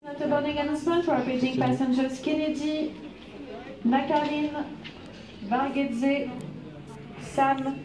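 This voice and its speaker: High woman's voice on an airport intercom. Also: fairly even intonation, far from the mic. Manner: slowly reading out passenger names. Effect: over an airport intercom. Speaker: boarding gate announcer. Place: airport terminal. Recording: echoey airport loudspeaker from afar.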